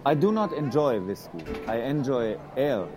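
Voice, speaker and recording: Over music, a man plays an uneasy Prussian immigrant tradesman in his late thirties in a period drama, using a German accent and terse, halting short sentences. His mid-range voice swings widely in pitch, and the acting is light.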